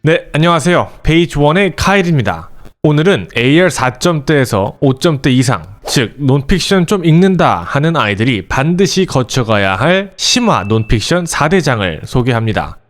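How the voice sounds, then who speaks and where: A man hosting an education channel, giving a scripted, animated explainer aimed directly at parents. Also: on the high side, moderate pace. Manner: lively, animated delivery addressing parents directly.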